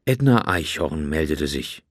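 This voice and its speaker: A man reading a children's storybook aloud with lively, expressive storytelling. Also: extremely low pitch, measured pace, husky, dry recording, clean studio sound. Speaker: narrator.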